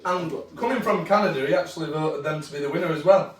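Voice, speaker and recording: A man's voice: fairly high pitch, fast. A man with a Yorkshire accent, chatting bluntly and jokily as he co-hosts a snack taste test. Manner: blunt, jokey, broad dialect. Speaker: co-host of a cooking channel. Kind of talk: casual chat during a taste test. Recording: echoey room, mic at a distance.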